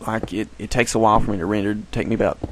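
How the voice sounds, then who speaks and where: A man's voice: lowish voice, fairly even intonation, rapid-fire, poor audio. A man giving casual, rambling commentary while playing a game, often correcting himself. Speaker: gameplay commentator.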